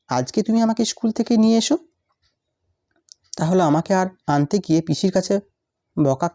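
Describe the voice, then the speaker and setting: Brief: recited story; a lonely little girl, read by a woman, plaintive and pleading, low mellow tone. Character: lonely neglected little schoolgirl, wistful.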